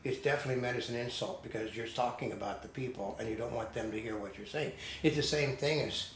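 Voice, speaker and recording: A man's voice: medium pitch, fast talker. Older man telling rambling stories, echoey room. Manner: digressive storyteller, firm opinions. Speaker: co-host. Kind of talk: casual discussion. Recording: echoey room with faint noise.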